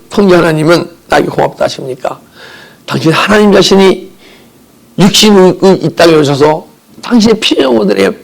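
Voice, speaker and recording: Gravelly high-pitched impassioned pastor. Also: male voice. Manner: impassioned, vivid sound words, swings from soft to crying out. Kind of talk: emotional sermon testimony. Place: church sanctuary.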